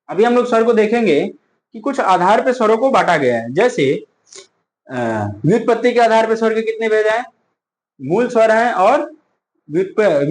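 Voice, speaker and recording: A man from India teaching a class, slowly dictating notes and repeating words, asking questions and answering them himself. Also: sits high.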